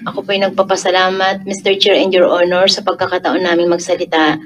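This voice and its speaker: A woman's voice: fairly low pitch, level tone, a little fast, slight background noise. A woman giving a polite, hesitant statement at a hearing. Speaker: respondent at a hearing. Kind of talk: formal statement.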